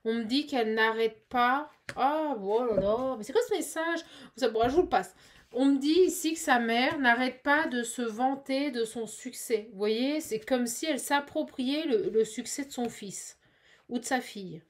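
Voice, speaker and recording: Woman, chatty tarot reader, lively and filler-heavy, slightly high voice. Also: normal speed. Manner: chatty, animated, with many fillers. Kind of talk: casual channeled card reading.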